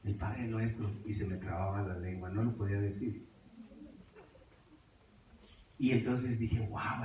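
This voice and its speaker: Male preacher, testimony sermon, low mellow voice, distant echoey church sound. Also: a little hiss or hum. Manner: storytelling, swings between loud and hushed.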